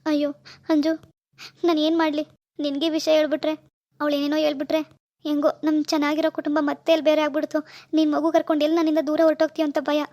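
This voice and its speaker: Cartoon husband, apologetic and pleading, voiced by a woman, high-pitched. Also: monotone, fast talker, a little mellow. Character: remorseful husband pleading with his wife. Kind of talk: cartoon voice acting.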